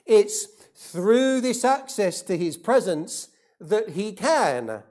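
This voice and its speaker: A preacher gives a deliberate sermon, repeating key phrases for emphasis and asking the congregation rhetorical questions. His voice is mid-range and a little mellow, with big swings in pitch.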